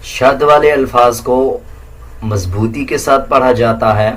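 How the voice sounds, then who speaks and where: Man teaching Quran recitation rules. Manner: explains rules plainly, then recites verses slowly in a higher melodic chant. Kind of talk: tajweed lesson explaining, then reciting.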